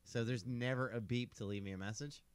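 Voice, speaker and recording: A man's voice: mid-range voice, steady tone, brisk, smooth, no echo. Profane, rambling podcast man. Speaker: podcast co-host. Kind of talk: casual banter.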